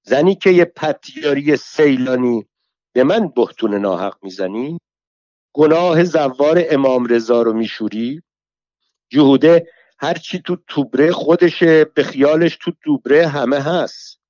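A man's voice: fairly high pitch, no room sound, voice pushed up, close to an everyday voice. Alavieh, a man playing a shrieking foul-mouthed old woman. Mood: scolding. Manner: shouting insults, abusive, theatrical. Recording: dull lo-fi dry recording.

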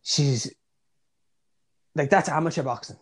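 An Irish man co-hosting a casual podcast chat, thinking out loud and swearing now and then. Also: on the high side, unhurried, slightly rough. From Ireland. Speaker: podcast co-host. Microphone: remote call mic.

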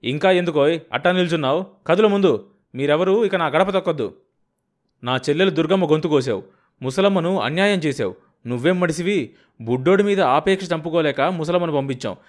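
An indignant, sharp-tongued brother-in-law in an audiobook, as a male narrator acts him out. His voice is raised and harsh, with scorn in every line. He sounds quick to anger and slow to forgive. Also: on the high side, lively intonation, pitched above the performer's own voice, natural voice. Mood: scornful.

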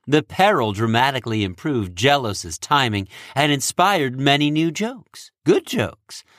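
A man's voice: medium pitch, sing-song, measured pace, fairly bright tone, no echo, studio quality, pitched above the performer's own voice. A man voicing an earnest young weaver woman. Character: humble female weaver of fates, eager and earnest.

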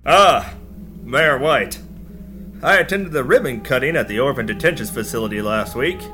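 A man playing a hard-boiled male space detective, narrating in a gruff noir style. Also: medium pitch, animated, moderate pace, over music, close to an everyday voice. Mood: cocky. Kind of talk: radio-drama parody.

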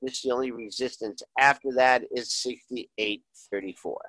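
Bright, forceful man in a dry studio. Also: medium pitch, fairly even intonation, moderate pace, dry recording, low-quality recording. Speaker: co-host. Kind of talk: live market commentary.

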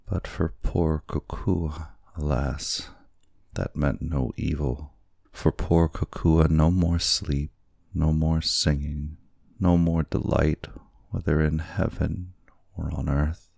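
A man's voice: flat delivery, takes it slowly, vocal fry, darkish tone, slightly rough, no room sound, studio quality, heavily acted. A man reading an audiobook, voicing a frightened, desperate young wife in a trembling, raised voice. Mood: mournful. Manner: pleading, trembling, raised pitch.

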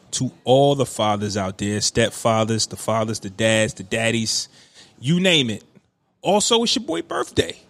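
A man's voice: medium pitch, fairly bright tone. A man in his thirties hosts a podcast in a middle-register voice. He talks casually and playfully, with plenty of slang and hyped-up greetings. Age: 30s. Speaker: podcast host. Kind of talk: casual chat.

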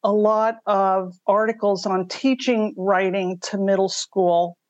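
A woman's voice: mid-range voice, steady tone, takes it slowly, a little mellow, dry recording, highs cut off. An older woman telling her story conversationally as a podcast interview guest. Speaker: podcast guest, mystery writer.

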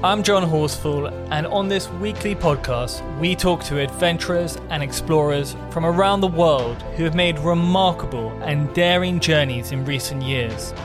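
Male podcast host, measured scripted delivery, music bed underneath. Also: on the high side. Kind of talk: scripted introduction and questions.

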